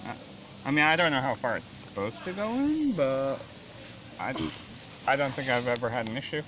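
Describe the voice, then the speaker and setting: A man's voice: mid-range voice, very animated, moderate pace, background noise. A man chatting casually, off to the side of a phone recording outdoors. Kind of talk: casual chat. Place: outdoors at a wooded campsite, away from the phone.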